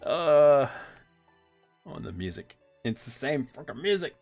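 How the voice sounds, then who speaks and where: A man's voice: medium pitch, very animated, brisk, slightly rough. A man streaming a game with casual, informal, sweary commentary. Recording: game music behind voice.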